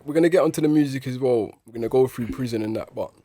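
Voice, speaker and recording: A man's voice: medium pitch, racing, warm tone, no room sound. A man with a London accent hosting a casual interview in street slang, often repeating words as he prompts. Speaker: podcast host.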